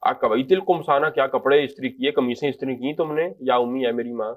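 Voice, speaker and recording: This is a man leading a grammar lesson at an everyday medium pitch. He reads short example phrases, repeats them and translates them one by one in a patient, explanatory way. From Pakistan. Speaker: Arabic language teacher. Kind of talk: grammar lecture in Urdu.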